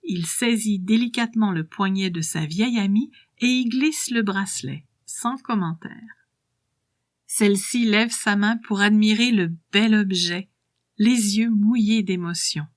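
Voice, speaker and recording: A woman narrating a scripted story in a soft, hushed voice that slips into whispering. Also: medium pitch, measured pace, no echo, studio quality.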